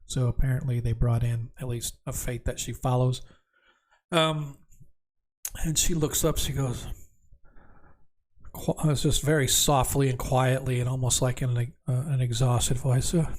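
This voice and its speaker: A man narrating a tabletop fantasy game as game master, improvising descriptions in a halting way. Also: medium pitch, fairly even intonation.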